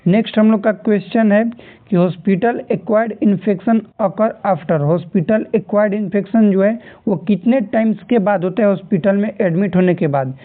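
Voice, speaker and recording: A man's voice: high-pitched, fairly quick. Man, nursing exam tutor, lecture style, repeats key terms, thin phone-line audio. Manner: repeats key terms, tells students to remember.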